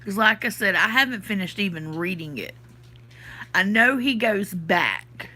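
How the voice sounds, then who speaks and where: With a mid-range, sing-song voice that's pushed and bright, this woman speaks at a measured pace. She's a podcast host from the Southern US with a Southern accent and sinus congestion, casually chatting on a livestream and responding to comments.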